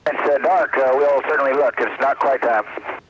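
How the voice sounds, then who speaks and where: A man's voice: medium pitch, fairly even intonation, moderate pace, slightly rough, no room sound. A man working as an astronaut, talking procedure in hesitant, clipped replies over a radio link that breaks up at times. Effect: radio transmission, breaking up at times. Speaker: astronaut aboard a space laboratory. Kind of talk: space radio communication. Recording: dull, very noisy space radio link.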